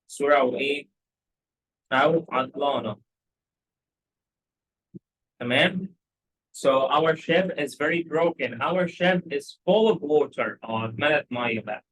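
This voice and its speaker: Slow, measured Egyptian man teaching English. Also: on the high side, fairly bright tone, low-quality recording. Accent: Egyptian Arabic. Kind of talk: explaining a story for English learners.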